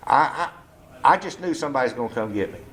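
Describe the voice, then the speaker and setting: A man's voice: mid-range voice, lively intonation, fairly bright tone. A man in his seventies being interviewed at home about his life, speaking plainly and bluntly with some cursing, often stopping and restarting with "uh". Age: 70s. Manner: halting, with frequent restarts and "uh"s. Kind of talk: casual oral-history interview. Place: living room of his home.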